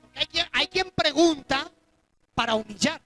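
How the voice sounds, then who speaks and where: A man preaching an emphatic church sermon, swinging from loud exclamations to hushed asides. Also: very high voice, moderate pace, faint music behind.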